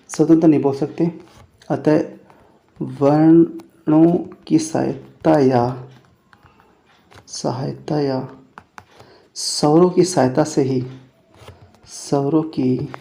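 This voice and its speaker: A man teaching Hindi grammar in a classroom lesson, repeating phrases slowly and calling his listeners friends. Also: on the high side, fairly even intonation, gravelly, warm tone. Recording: echoey room.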